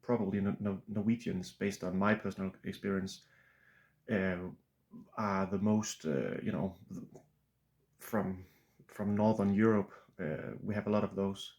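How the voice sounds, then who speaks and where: This Danish author and channel host talks in a fairly low, flat, throaty voice with a Danish accent. His casual monologue is unscripted and halting, full of fillers and restarts.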